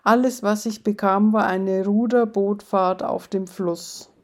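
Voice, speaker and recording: A woman's voice: mid-range voice, steady tone, measured pace, darkish tone, lightly acted. A woman voicing a competitive wife who snaps back and tries to outdo her friend. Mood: snappish. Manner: snapping, one-upping.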